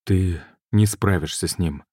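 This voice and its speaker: A man's voice: low voice, measured pace, darkish tone, breathy edge, no room sound, studio quality. A man voicing a tormented male mage in an audiobook, urgent and tense. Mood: harsh.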